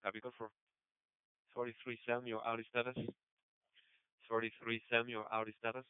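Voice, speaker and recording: A man working as a police dispatcher, heard over a police radio transmission, reading calls in clipped, even procedural codes. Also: medium pitch, a little fast, clean tone, no room sound. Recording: narrow-band, dry police radio.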